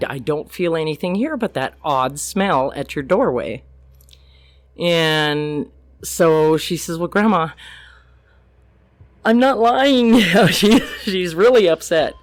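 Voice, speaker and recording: A woman's voice: low voice, no room sound. An older woman, a grandmother, telling a true story as a podcast guest, plainly acting out the quoted lines.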